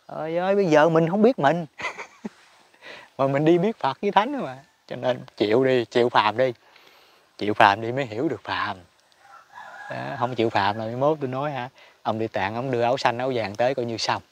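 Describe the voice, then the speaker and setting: A man giving a casual Buddhist teaching talk, chatty and emphatic, chuckling often. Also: medium pitch. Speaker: spiritual teacher.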